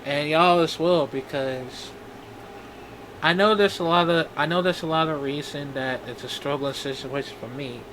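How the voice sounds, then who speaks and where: A man in his twenties talking in a personal video diary, halting and rambling with many restarts. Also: a little high, fairly bright tone, a little hiss or hum, low-quality recording. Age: 20s. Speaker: vlogger.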